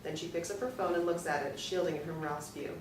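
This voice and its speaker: Woman reading screenplay directions, kinda low voice, really echoey, mic far off. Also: steady tone. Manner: measured, matter-of-fact. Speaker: narrator. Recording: roomy, distant from the mic, faint noise.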